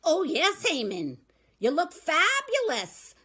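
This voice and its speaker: A vain storybook king who gushes breezily, played by a woman, with a bright, rather high voice that leaps wildly up and down and slow delivery. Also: wildly swooping pitch, a little hiss or hum, heavily acted. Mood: gushing. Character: vain, easily flattered male king.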